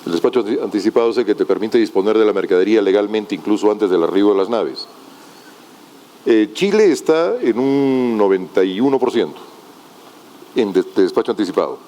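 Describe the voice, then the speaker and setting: A man's voice: on the low side, animated, a little fast, dark tone. A man speaking as a logistics panelist at a conference, earnest and emphatic. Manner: earnest, emphatic, uses diminutives.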